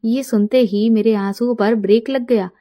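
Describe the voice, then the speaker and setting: A woman in her late thirties narrating a personal story in the first person, in a gentle, reflective way. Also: on the high side, steady tone, moderate pace. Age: late 30s.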